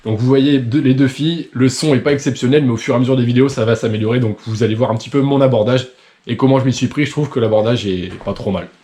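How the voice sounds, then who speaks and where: A man's voice: medium pitch, quick pace, mellow. A man hosting a video, commenting casually and directly to viewers. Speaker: video host.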